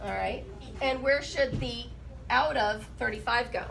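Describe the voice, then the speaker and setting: A woman's voice: a little high, unhurried, creaky, a bit bright, a little hiss or hum, low-quality recording. A woman teaching a math class while sick. She asks her students questions and jokes with them. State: sick, rough voice. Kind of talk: classroom lesson.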